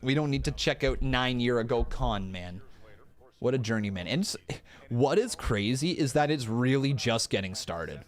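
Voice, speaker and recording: A Canadian man in his thirties streams about pro wrestling from a room in his rented home, talking straight to his live chat in a casual, animated way. He jokes at himself and swears now and then. His voice is mid-range and he speaks at a normal speed.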